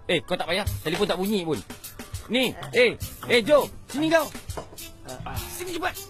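Boastful high-voiced man with music behind. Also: very animated, normal speed. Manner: boastful, scolding, jokey. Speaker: pizza shop boss. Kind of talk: comedy sketch acting.

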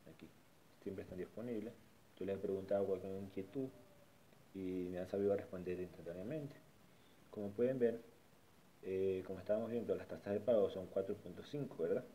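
His voice is deep and dark-toned, captured in a low-quality recording with slight background noise. Speaking as a tutorial vlogger, the man casually narrates a website walkthrough from a screen recording, often repeating himself and starting phrases over as he points things out.

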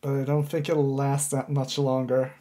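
A man's voice: mid-range voice, monotone, moderate pace, mellow. A man in his thirties in a casual co-hosted chat about comics, laid-back and matter-of-fact. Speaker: co-host of a manga reaction show. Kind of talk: casual chat reviewing a manga chapter. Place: room at home, indoors.

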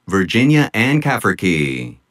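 A man announcing graduates' names at an outdoor commencement ceremony, in a measured, deliberate manner. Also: fairly low pitch, sing-song, a bit bright. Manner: measured, deliberate name-reading. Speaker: commencement name reader. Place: outdoor tent stage at a graduation.

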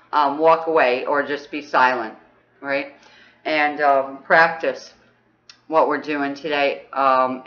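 A woman leading a guided throat chakra exercise, chatty and upbeat, often checking in with "okay?" and breaking into high whoops. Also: highs cut off. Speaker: spiritual teacher.

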